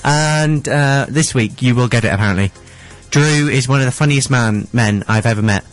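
A man's voice: mid-range voice, moderate pace, faint music behind, low-quality recording. A young man presenting a radio show in a casual, chatty style as co-host.

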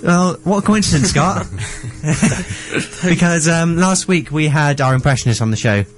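A man's voice: a little high, normal speed, soft background music. A young man presenting a radio show in a casual, chatty style as co-host.

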